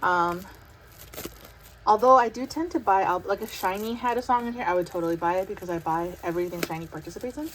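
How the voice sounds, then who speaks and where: A young woman talks through an unboxing at home in a chatty, excited way, a little out of breath and full of fillers. Her voice sits at a middle pitch. A faint hum of background noise runs under her talk. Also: fast talker. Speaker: vlogger unboxing an album. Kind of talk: casual chat.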